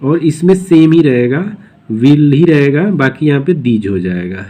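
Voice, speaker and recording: A man's voice: mid-range voice, expressive, a little slow, dark tone, low-quality recording. A male teacher explaining grammar, who asks his listeners questions and answers them himself.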